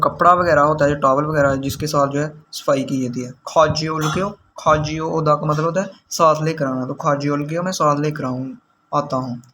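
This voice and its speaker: Man teaching vocabulary slowly, slightly high voice. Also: a bit bright, a little hiss or hum, poor audio. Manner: slow, repeats and glosses each word. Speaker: language teacher. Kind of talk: explaining vocabulary to learners.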